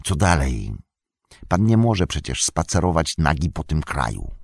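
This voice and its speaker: A man's voice: rumbling low, big pitch swings, measured pace, a little mellow, no echo, clean studio sound, exaggerated voice. A man voicing a loyal, sturdy male hobbit servant who speaks in a hearty, folksy, deferential way.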